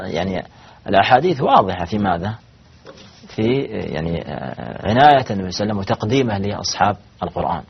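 A man teaches a religious lesson to a group of students, and his voice is low and husky. He talks quickly, asks questions and answers them himself, and often stops and restarts. The recording sounds dull and lo-fi. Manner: halting, with repeated false starts. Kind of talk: lecture to students.

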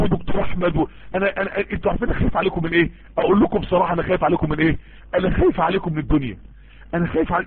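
A man preaching with an Egyptian accent, with a husky voice, pleading with his listeners and repeating his appeals over and over. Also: high voice. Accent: Egyptian Arabic. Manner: pleading, repetitive, emotional. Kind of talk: impassioned online sermon. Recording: tinny phone-like voice-chat audio.

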